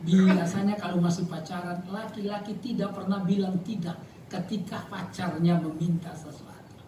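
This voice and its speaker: A man's voice: high-pitched, steady tone, normal speed, mellow, slight background noise. Man preaching in an echoey church. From Maluku, Indonesia. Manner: joking, storytelling, often calls out to the congregation; calls himself somewhat emotional and reactive. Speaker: pastor. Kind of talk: sermon. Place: church hall with congregation. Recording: very echoey hall, voice from far off.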